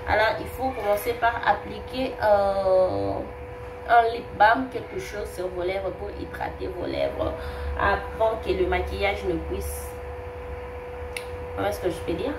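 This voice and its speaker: A young beauty vlogger with a cold speaks in a sing-song, mid-range voice, a little slowly. She chats through a makeup tutorial, repeating words and using many fillers, in a roomy, distant, noisy home recording.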